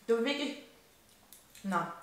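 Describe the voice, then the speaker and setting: A woman's voice: fairly high pitch, lively intonation, measured pace. Echoey young Austrian woman chewing while talking. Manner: mixes English phrases into her talk. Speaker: vlogger in a food taste test. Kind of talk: casual chat. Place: living room, indoors on a sofa. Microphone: camera a few metres away. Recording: very echoey room with faint noise.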